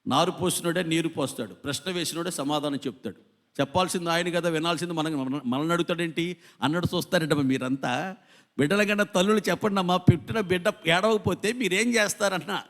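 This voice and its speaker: A man's voice: on the high side, fast talker, a bit bright. A man in his fifties, a pastor preaching an impassioned sermon in a church, building up long lists of repeated phrases. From India. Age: 50s.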